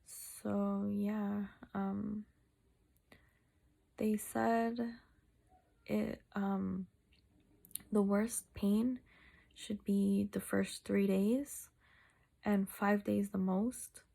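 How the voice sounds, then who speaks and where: A woman vlogging casually after having her wisdom teeth out, tired and sore in the mouth. Her voice is full of heavy fry and stays in a narrow, flat range. She talks haltingly, drawing out words for emphasis. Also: mid-range voice. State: sore mouth, recovering two days after wisdom tooth surgery. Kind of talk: casual personal vlog update, chatty.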